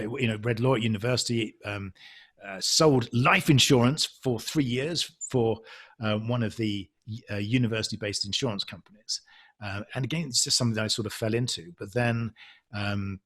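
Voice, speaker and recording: A man's voice: fairly low pitch, fairly bright tone, slightly rough. A man from England, a podcast guest reflecting on his career in a hesitant, self-deprecating way, full of ums and restarts. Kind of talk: casual conversational interview.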